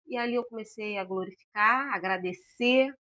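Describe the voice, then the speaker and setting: A woman's voice: fairly high pitch, moderate pace. A woman, an interview guest telling a personal story about her son and acting out the voices of the people in it. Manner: animated, acts out the dialogue she recounts. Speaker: interview guest, mother of a patient.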